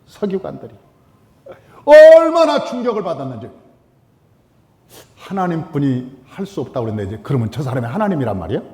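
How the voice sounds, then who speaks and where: A man preaching a sermon as pastor, emphatic, repeating his phrases and swinging between loud and soft. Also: mid-range voice, very animated, very fast, hardly any pauses. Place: church sanctuary. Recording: reverberant church hall.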